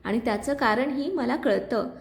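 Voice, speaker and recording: A woman reading the part of a stern middle-aged mother-in-law who speaks in a grave, firm, measured way. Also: on the high side, creaky. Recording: roomy echo.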